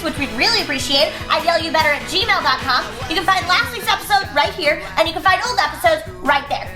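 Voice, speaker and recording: A woman's voice: extremely high pitch, sharp tone. A young woman hosting a comedic advice show, rambling and self-deprecating. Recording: echoey room.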